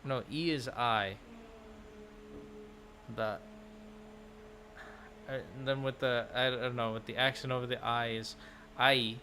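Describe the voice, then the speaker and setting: A man's voice: mid-range voice, steady tone, takes it slowly, pauses often, sharp tone, a little hiss or hum. A man chatting casually on a livestream as he works through language lessons, thinking aloud with many restarts. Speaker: language-learning vlogger. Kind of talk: casual livestream chat while doing lessons.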